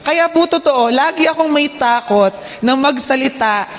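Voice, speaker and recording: A church speaker and children's teacher with a high, expressive voice and a Filipino accent preaches a sermon in a church hall at normal speed, mixing English phrases into her talk and struggling slightly with the R sound. She is polite and often checks in with the congregation by asking "Okay?". The recording carries a long hall reverb.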